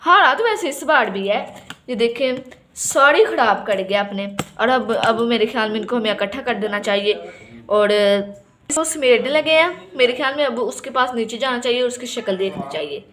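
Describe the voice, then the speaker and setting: A woman's voice: fairly high pitch, animated, normal speed, fairly bright tone, a little hiss or hum. A woman, casually narrating a family vlog as she plays a game with her child, teasing and playful.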